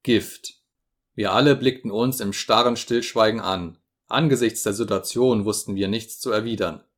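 A man's voice: fairly low pitch, normal speed, lightly acted. A man voicing a pompous, self-satisfied elderly male professor in a grandiloquent, lecturing manner, read from a storybook.

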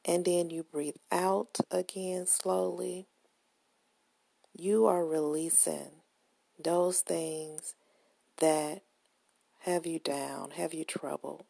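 A woman leading a guided relaxation meditation with gentle, soothing, unhurried instructions in a soft, breathy, husky voice, close to the microphone. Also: sits low, steady tone, dry recording.

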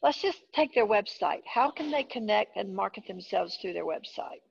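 A woman's voice: medium pitch, lively intonation, normal speed, creaky, husky, muffled recording. A woman salon owner interviewing a guest, asking conversational questions.

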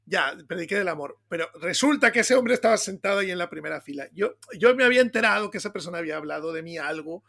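A man with a Spanish accent from Spain, talking with a high, gravelly voice that has a bright, forceful edge. He tells stories in a loose, animated chat, laughing often and calling his listeners "tío". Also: quick pace, few pauses. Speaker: pastor and podcast co-host. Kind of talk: casual chat.

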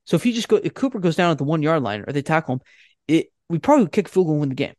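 A man on a sports podcast co-hosts with the exasperated energy of a disappointed fan. His voice swings widely between highs and lows as he argues his points. The sound is close and dry, with no room echo. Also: very fast. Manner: animated, exasperated fan ranting. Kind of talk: casual sports chat.

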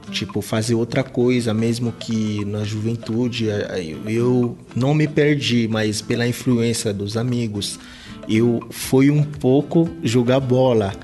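Young guy, slow and halting, lots of ums, faint music under him. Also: mid-range voice, darkish tone. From DR Congo. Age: young adult. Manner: halting, many fillers and restarts. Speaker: interview guest, visual artist. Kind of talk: casual interview answers.

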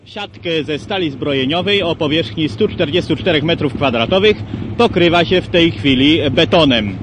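An archive news reporter, a man with a slightly high voice, reads his report in a formal announcer's delivery. The sound comes from old worn tape with a faint hiss under it. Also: moderate pace, a bit bright. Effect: played from old worn archive tape. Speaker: newsreel reporter.

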